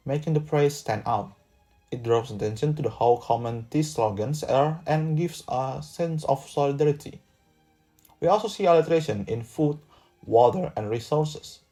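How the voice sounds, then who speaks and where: Student lecturer from Indonesia, young man, mellow tone, careful scripted delivery, soft music behind. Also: fairly high pitch. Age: young adult. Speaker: student presenter. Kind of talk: reading a prepared lesson script.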